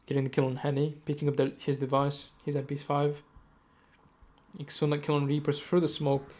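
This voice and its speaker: A man casting a live esports match, giving quick play-by-play with chatty asides and self-corrections. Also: fairly high pitch. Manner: rapid, self-correcting, chatty asides, sudden excited outbursts. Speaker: esports caster.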